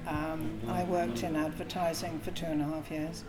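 A woman's voice: deep voice, little pitch movement, moderate pace. An older woman with a southern English accent, telling her life story conversationally as a podcast guest. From Essex, England. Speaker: podcast guest, former film production worker. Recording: busy crowd chatter behind. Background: crowd noise.

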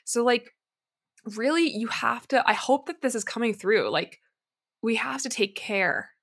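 A woman hosting a casual podcast, speaking earnestly and straight to her listeners. Her voice is bright and clear. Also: on the high side, lively intonation, measured pace. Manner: earnest, addresses listeners directly. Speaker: podcast host.

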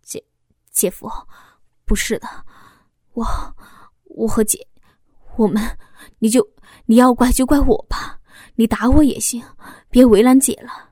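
A frightened young man, as a woman narrator voices him, stammering and breaking off as he pleads, his last words dropping to a breathy whisper. Her voice stays fairly high and mellow, recorded close and dry. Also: fairly even intonation, measured pace, pauses often, no echo. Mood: pleading. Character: panicked young man, the lover.

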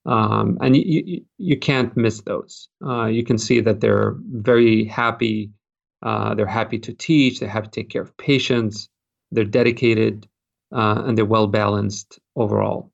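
A man from Jordan, a cardiologist, giving measured advice in an interview with many fillers and restarts. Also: fairly low pitch, steady tone, creaky, lo-fi sound. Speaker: cardiologist, fellowship program director.

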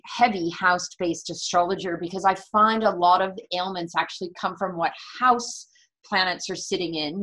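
A woman speaks as an interview guest in a slightly low voice. She explains things earnestly and conversationally, repeating key words for emphasis. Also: a bit bright, poor audio. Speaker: interview guest, natural medicine practitioner and medical astrologer.

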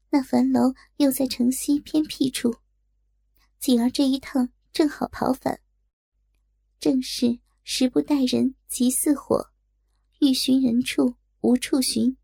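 Brief: woman narrator, high and slow, gravelly edge, dark tone, dry close sound. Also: dry recording. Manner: slow, deliberate storytelling. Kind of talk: scripted story narration.

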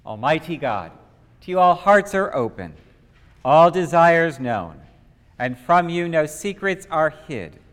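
A man with a slightly high, smooth and resonant voice leads prayers in a large church. He intones in a slow, unhurried, solemn way. A long cathedral echo trails after each phrase. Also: very animated, a bit bright. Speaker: officiant leading worship. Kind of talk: chanted liturgical prayer.

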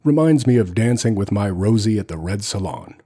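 A man voicing a mother who imitates her absent soldier husband in a deep, mock-stern voice. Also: animated, moderate pace, warm tone, breathy edge. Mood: gruff, affectionate. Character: gruff soldier father, playful and boozy.

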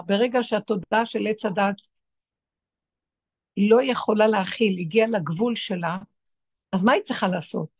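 A woman's voice: mid-range voice, dry recording. A woman teaching spiritual matters to a group of women, speaking emphatically and asking many rhetorical questions. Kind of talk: religious talk to women.

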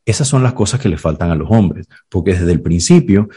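Low, husky-voiced man explaining calmly. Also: fairly quick. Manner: reflective, explains with examples and acted quotes; frequent "¿sabes?" and "¿ves?" tags. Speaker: clinical psychologist guest. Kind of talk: explanatory podcast talk.

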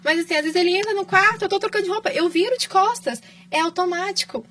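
A woman's voice: very high voice, fast talker, a bit bright, distant mic. A woman with a Brazilian Portuguese accent, a patient guest on a podcast, telling her story in an emotional, affectionate way. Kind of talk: casual podcast chat.

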